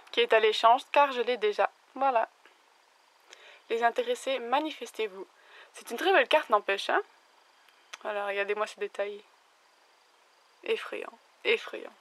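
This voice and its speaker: A young woman with a slightly raised pitch and an unhurried pace talks through a card opening. Her voice carries a faint hoarseness left over from an illness. She is chatty and quick to exclaim over the cards she likes. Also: fairly bright tone. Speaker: YouTuber opening trading cards. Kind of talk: casual card-opening commentary.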